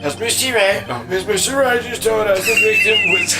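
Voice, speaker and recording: A man's voice: high voice, moderate pace, music in the background, pitched above the performer's own voice, natural voice. A man voicing a grumpy old male judge in a courtroom video game, formal and presiding. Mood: stern, formal.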